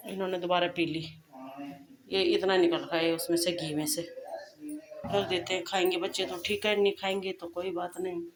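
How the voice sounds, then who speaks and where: A woman's voice: on the low side, little pitch movement, normal speed, crowd noise. A middle-aged woman chatting casually to her viewers in a family vlog, recorded on a phone at home. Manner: chatty, homely, talks straight to viewers. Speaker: family vlogger. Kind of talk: casual chat to camera. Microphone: phone camera. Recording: echoey room with faint background ambience.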